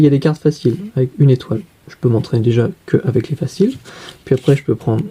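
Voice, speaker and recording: A man teaching young children to read, explaining each card slowly and patiently and asking questions as he goes. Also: medium pitch, dark tone, a little hiss or hum. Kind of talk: reading lesson for young children.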